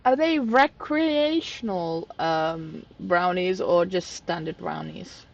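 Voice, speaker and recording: A woman's voice: lowish voice, slow, vocal fry. A woman streamer chatting playfully with viewers over a game, joking and giggling. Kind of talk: casual stream chat over gameplay. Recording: dull lo-fi audio with faint music.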